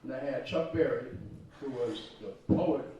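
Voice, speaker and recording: Mellow-voiced man, dull echoey far-off sound. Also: medium pitch, measured pace, a little hiss or hum. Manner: relaxed, rambling storytelling with fillers. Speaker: guitarist presenting to students. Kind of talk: spoken school presentation.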